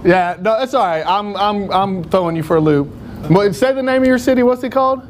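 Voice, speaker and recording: A man's voice: sits high, brisk, a little hiss or hum. A man teaching a church class in a casual, joking, rambling way. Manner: joking, rambling, self-deprecating.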